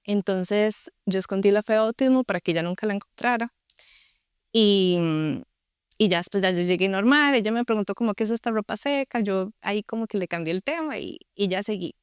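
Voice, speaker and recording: A woman's voice: mid-range voice, a little fast, clear, resonant tone, dry recording, studio quality. A young woman with a Costa Rican accent, earnestly telling her personal story as an interview guest. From Costa Rica. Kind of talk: personal testimony.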